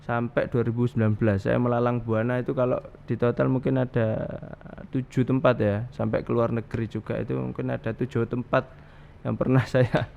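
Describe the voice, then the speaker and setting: A man's voice: medium pitch, flat delivery, brisk, creaky. A man, a guest recounting his life at length, with many restarts and fillers. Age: 30s. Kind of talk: casual interview. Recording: dull, slightly noisy studio audio.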